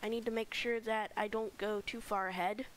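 A woman's voice: medium pitch, fairly even intonation, moderate pace, slight background noise, low-quality recording. A woman hosting a casual game let's play, chatting in a rambling way as she gives a tour with fillers. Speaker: gaming channel host.

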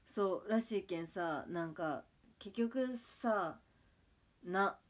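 Speaking slowly with a medium-pitched voice, this idol livestream host is a woman in her twenties with a Kagawa dialect. Her talk is loose and chatty as she goes through viewer comments and answers them.

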